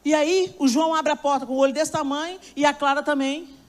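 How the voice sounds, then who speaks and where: A woman's voice: high-pitched, level tone, fast talker. A woman preacher delivering a sermon, telling a story with emphasis and speaking straight to her listeners.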